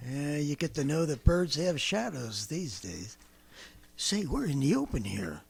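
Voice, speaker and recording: A man's slightly high, gravelly voice with a breathy edge delivers a very animated, exaggerated performance at a somewhat slow pace. He's acting as a boastful ex-militiaman who rambles on and laughs to himself while scheming through his survival plan, 1930s radio-drama style.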